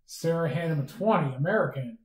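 A man joining a casual podcast chat, talking quickly and offhandedly. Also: a little high, expressive, darkish tone, echoey room, low-quality recording.

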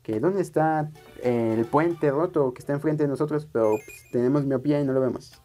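A man's voice: on the high side, fairly quick, warm tone, faint music behind. Rambling young man playing a game. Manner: rambling, self-mocking, chats to viewers. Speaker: let's play gamer. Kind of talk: casual gameplay commentary.

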